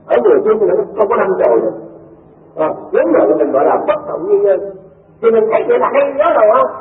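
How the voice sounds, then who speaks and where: Man, high voice, fast rambling Buddhist talk; tinny lo-fi recording from far off. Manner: rambling, repeats words, addresses listeners. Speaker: Buddhist speaker. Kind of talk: Buddhist dharma talk telling a Zen story. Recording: distant, echoey, phone-like lo-fi with faint noise.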